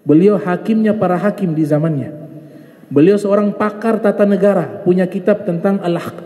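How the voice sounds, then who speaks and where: A male preacher with a fairly high voice but a very dark, mellow tone gives a religious study lecture. He quotes Arabic phrases, translates them, and retells a fable with storytelling flair. The sound is echoey, with a long hall reverb. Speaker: Islamic preacher.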